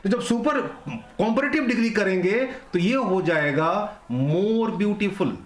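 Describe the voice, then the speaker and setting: A man's voice: sits high, lively intonation, slow pace, echoey room. A man teaching an online grammar lesson, explaining rules step by step and repeating the key points.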